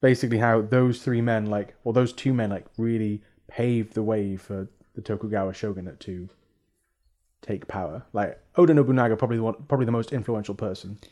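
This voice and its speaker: A man co-hosting a podcast, casually explaining history in a measured, explanatory way. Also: on the low side, fairly even intonation, mellow. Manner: explanatory, measured, reads out facts. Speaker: podcast co-host presenting history. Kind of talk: casual chat.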